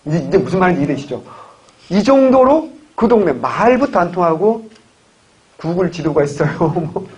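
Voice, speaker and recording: A man's voice: high voice, big pitch swings, normal speed, a little mellow. Man lecturing in rhetorical questions. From Gyeongsang region. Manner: keeps asking questions and answering them himself. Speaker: history lecturer. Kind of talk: exam-prep lecture. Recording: dull lo-fi recording, faint hiss.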